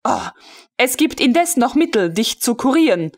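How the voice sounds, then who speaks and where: A woman's voice: big pitch swings, measured pace, full character voice. A woman playing an imperious jealous lady colonel. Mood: jealous, scolding. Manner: sharp, scolding, rising high.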